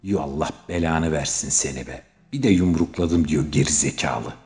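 A man voicing a sharp-tongued young woman who scolds and curses at her partner in a comic sketch. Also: normal speed, faint music behind. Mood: scolding. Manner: scolding, cursing, shrill.

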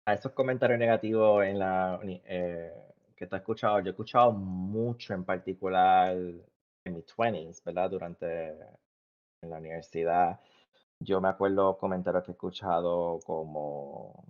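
Puerto Rican male co-host, thirties, lower voice, chatty, lo-fi recording. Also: steady tone, moderate pace. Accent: Puerto Rican Spanish. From Puerto Rico. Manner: laughs often, mixes in English words. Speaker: podcast co-host. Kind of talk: casual chat. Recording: dull lo-fi recording.

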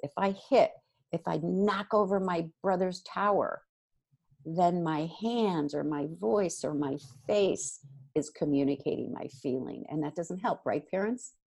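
A woman giving parenting advice in casual chat, animated and acting out what parents and kids might say. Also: fairly low pitch, a little slow, creaky, husky. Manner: animated, acts out quoted dialogue. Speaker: parenting guest expert.

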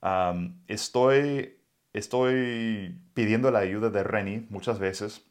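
American podcast host, Mexican Spanish as a second language, low voice, slow and halting delivery with lots of fillers. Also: male voice. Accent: American English speaker of Mexican Spanish. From United States. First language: English. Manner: relaxed, hesitant with many fillers and restarts. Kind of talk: casual podcast monologue giving tips.

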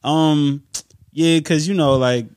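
A man's voice: on the high side, fairly even intonation, slow pace, a little mellow, a little hiss or hum. A man co-hosting a podcast in casual, laid-back chat, agreeing often and trailing off. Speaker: podcast co-host.

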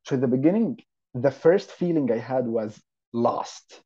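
With a dark, husky, mid-range voice, a 22-year-old Saudi student speaks expressively and unhurriedly in Arabic-accented English. He's a podcast guest recounting his own experiences casually, captured in somewhat dull lo-fi audio.

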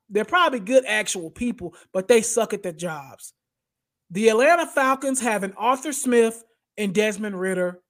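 A man hosting a casual sports talk show, blunt and opinionated, who often says "bro" and "y'all". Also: high-pitched. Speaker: podcast host.

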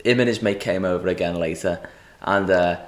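A man's voice: low-pitched, a little fast, echoey room. A young man co-hosting a podcast, telling a crude, joking anecdote in casual chat. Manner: crude, joking anecdote teller who mimics people. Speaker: podcast co-host.

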